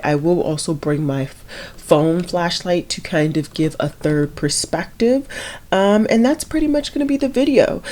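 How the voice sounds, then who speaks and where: Low-voiced woman with a stuffy nose. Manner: relaxed, rambling, with fillers. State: congested, nasal from a cold. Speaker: beauty vlogger. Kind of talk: casual swatching video.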